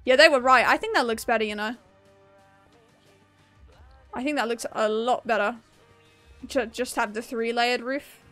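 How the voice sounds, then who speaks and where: A young woman with a slightly high, sharp-toned voice streams a game and chats casually and upbeat with viewers, often laughing. She speaks at normal speed with long pauses, and soft music plays in the background.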